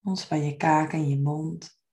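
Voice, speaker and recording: A woman leads a meditation softly and soothingly, her low voice staying very even and turning creaky at the ends of phrases. Her phrasing is gentle and unhurried, and her pace is a little slow.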